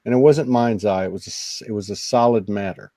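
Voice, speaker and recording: A man, a guest on a spiritual talk show, telling a personal story in an earnest, emotional, halting way. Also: fairly low pitch, warm tone, dry recording, low-quality recording. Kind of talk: personal storytelling in casual conversation.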